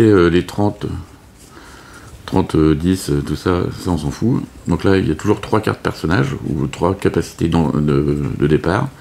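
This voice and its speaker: A man's voice: low voice, vocal fry, darkish tone, a little hiss or hum. A man casually explaining a board game setup, hesitant with many fillers and restarts. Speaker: board game video host. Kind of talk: casual unscripted game tutorial.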